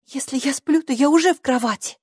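Woman doing a high, insistent little girl. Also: a little fast, darkish tone, no room sound, clean studio sound, lightly acted. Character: brave, curious young girl.

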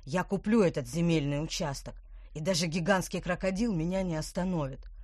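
Nasty sneering bad guy read by a woman, loud and snappy, lowish voice. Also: fairly quick, no room sound, studio quality, close to an everyday voice. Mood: threatening. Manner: sneering, venomous. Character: spiteful pompous grown man, hissing threats.

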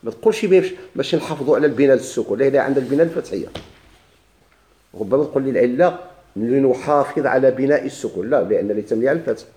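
A man's voice: mid-range voice, animated, racing, warm tone, slight background noise. A man with a Moroccan Arabic accent teaching a grammar lesson, asking his class questions and answering them himself while he repeats the key points.

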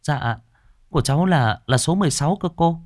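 Man doing a scared young village girl, higher voice, stammers and begs, dry audio. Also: expressive, brisk, no echo, lightly acted. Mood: anxious. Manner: hesitant, stammering, pleading. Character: timid young village woman, anxious daughter.

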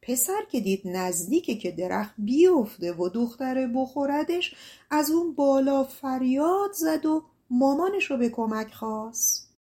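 A woman narrating an audiobook, reading a folk tale in a gentle, expressive way. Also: high-pitched. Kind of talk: storytelling narration.

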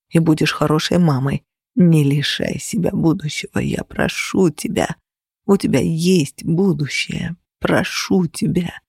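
A man's voice: on the high side, vocal fry, slightly rough, dry recording, studio quality, full character voice. A reader voicing a male companion who whispers urgently, pleading and then giving orders, in an audiobook. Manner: hushed, pleading then commanding. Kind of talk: audiobook character voice.

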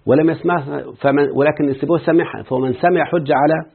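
A man's voice: on the high side, fairly even intonation, fast talker, creaky, slightly rough. A man with an Egyptian accent, a sheikh explaining an Arabic grammar text and quizzing his students as he goes. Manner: quizzing students with repeated checks. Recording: tinny phone-like line.

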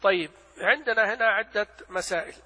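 A man teaching a lesson on a classical text, posing questions and answering them himself, and reciting examples slowly. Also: sits high, pushed and bright, slightly rough, big-room sound. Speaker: religious teacher. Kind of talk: lecture explaining a classical text.

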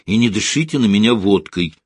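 A man's voice: fairly low pitch, animated, fairly quick, no room sound. Man voicing a stern stone-faced ward nurse. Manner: curt, scolding, dismissive.

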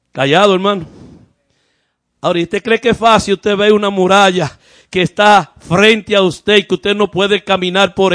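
A man preaching a fervent sermon as pastor, often shouting and repeating his calls to the congregation. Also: extremely high pitch, no room sound, clean studio sound. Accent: Caribbean Spanish.

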